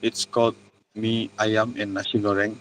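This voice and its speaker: A man's voice: fairly low pitch, flat delivery, moderate pace, a bit bright, a little hiss or hum, low-quality recording. Young man from Malaysia, plain answers. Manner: plain, with hesitations and restarts. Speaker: interviewee. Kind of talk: casual interview answers.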